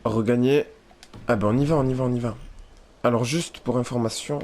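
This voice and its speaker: A man's voice: mid-range voice, fairly even intonation, fairly quick, a little mellow. Gamer man, chatty, talks to viewers, faint hiss. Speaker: let's play gamer. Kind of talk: casual gameplay commentary.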